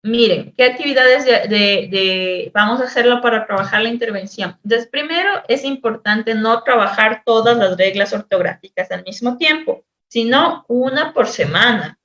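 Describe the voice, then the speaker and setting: A woman teacher with a fairly high voice lectures on spelling rules, repeating herself and stretching sounds slowly to show them. The recording is roomy and echoing, with a dull, lo-fi sound. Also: a bit bright. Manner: explanatory, repeats words, exaggerates sounds slowly as examples. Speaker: teacher-therapist. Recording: echoey room, dull lo-fi sound.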